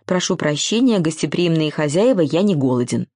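A woman voicing a timid, frightened little male hedgehog who answers in hurried, overly polite phrases. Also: deep voice, animated, dark tone, no room sound, studio quality.

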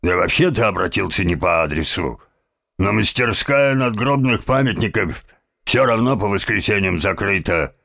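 A man's voice: fairly low pitch, lively intonation, normal speed, gravelly, a bit bright, heavily acted. A man voicing a fat, mustached cemetery watchman who grumbles curtly. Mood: gruff. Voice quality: grumbling, curt.

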